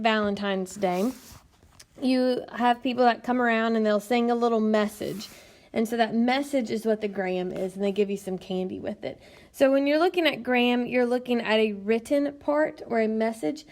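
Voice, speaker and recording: A woman teacher narrating a recorded lesson in a patient, explanatory way, often pausing with "um". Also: fairly high pitch, a little mellow. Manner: patient, explanatory, frequent "um" fillers. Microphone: tablet screencast mic.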